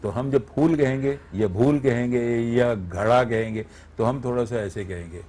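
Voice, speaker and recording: A man's voice: medium pitch, moderate pace, darkish tone. Teacherly man on a morning show. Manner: teacherly, explains step by step and checks understanding. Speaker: radio voice artist guest. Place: TV studio.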